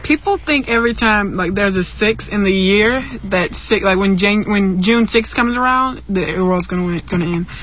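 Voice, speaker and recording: A man's voice: high-pitched, moderate pace, hardly any pauses. A teenage boy in a casual group chat, opinionated and teasing. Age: teens. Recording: dull lo-fi recording with faint noise.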